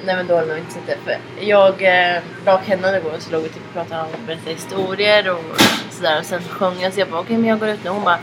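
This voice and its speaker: A woman's voice: lowish voice, fairly even intonation, hardly any pauses, background noise. A young woman from Sweden, co-hosting a podcast and telling stories casually, often quoting English lines. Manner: chatty storyteller, mixes English quotes into Swedish. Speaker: podcast co-host. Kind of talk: casual chat.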